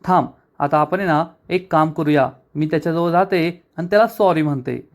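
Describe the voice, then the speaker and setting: A man's voice: a little high, normal speed, lightly acted. A man doing an emotional young woman. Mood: upset. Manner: emotional, bossy. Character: upset young woman, lovesick and pushy.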